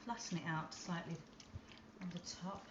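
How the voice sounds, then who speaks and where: A woman's voice: on the low side, normal speed, very noisy. Chatty woman in a roomy kitchen. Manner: chatty and encouraging, addresses viewers as guys. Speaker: cooking channel host. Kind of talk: casual recipe demonstration. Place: home kitchen. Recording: roomy, off-mic, slightly dull sound.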